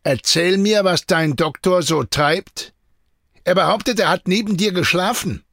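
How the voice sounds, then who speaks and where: A harsh, bullying deserter who snarls every question in a raised, grating voice, as a male audiobook reader puts him on. His speech is quick and hostile, with a gravelly edge under the strain. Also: sits high, wildly swooping pitch, a bit bright, no echo, clean studio sound, voice pushed up, heavily acted. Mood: barking. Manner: snarling, barking angry questions.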